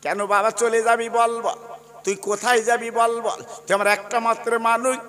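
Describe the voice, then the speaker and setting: A man's voice: very high voice, little pitch movement, moderate pace, fairly bright tone, in a large hall. A male preacher voicing a grieving, loving mother who speaks through tears in a wailing sing-song. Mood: tearful, tender. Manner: weeping, pleading sing-song wail.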